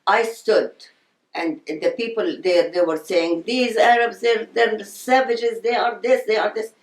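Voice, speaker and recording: A woman's voice: medium pitch, steady tone, measured pace, reverberant, poor audio. An older woman from Palestine, telling her story passionately in an oral history interview.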